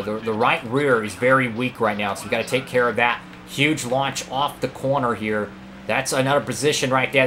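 Male gaming YouTuber, bright forward voice, excitable play-by-play with pleading outbursts, faint noise behind. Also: medium pitch. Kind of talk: live racing game commentary.

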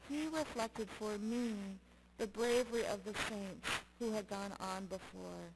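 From the pulpit of a church sanctuary, a middle-aged woman who serves as a Lutheran pastor delivers a sermon that includes a scripture reading. She uses a mid-range voice and steady tone, speaking in measured, emphatic short phrases into a gooseneck mic, with noticeably noisy church audio.

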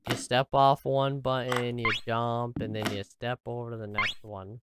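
A man's voice: mid-range voice, little pitch movement, measured pace, heavy background noise. A man doing let's-play game commentary, bewildered and stammering through his exclamations. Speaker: gaming commentator.

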